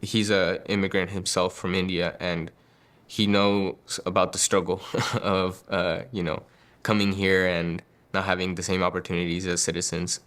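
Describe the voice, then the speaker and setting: A man speaking in a documentary interview, hesitant and pausing with fillers as he talks about his career hopes. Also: low voice, fairly bright tone. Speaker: interviewee, researcher seeking a postdoc.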